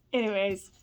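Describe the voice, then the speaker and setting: A woman in a rambling spoken monologue, blunt and profane, swinging between low murmurs and loud scolding. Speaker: vlogger.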